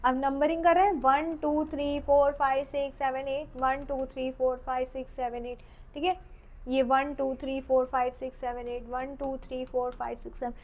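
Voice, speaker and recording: High-voiced Indian woman teaching dentistry. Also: level tone. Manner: reads English lines slowly, then explains in Hindi with rhetorical questions; counts teeth aloud while drawing, trailing off softly. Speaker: dental lecturer. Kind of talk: exam-oriented lecture.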